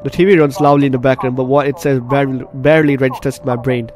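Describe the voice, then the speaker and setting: A gaming video host with a medium-pitched, steady voice talks fast over game music as he does gameplay commentary. He reads the story text aloud dramatically, stumbling over words now and then.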